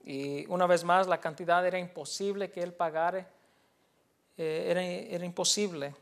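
A man's voice: high-pitched, steady tone, moderate pace, vocal fry. A man preaching a sermon as a pastor, explaining a passage and then repeating the point in a second language, earnest and teacherly, with hesitant fillers and restarts.

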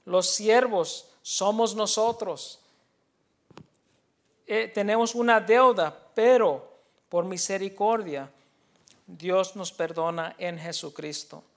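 A pastor with a fairly high male voice preaches in an earnest, teacherly way. He explains a passage, then restates it in a second language, with hesitant fillers and restarts along the way. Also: steady tone, slow. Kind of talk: bilingual sermon, preaching.

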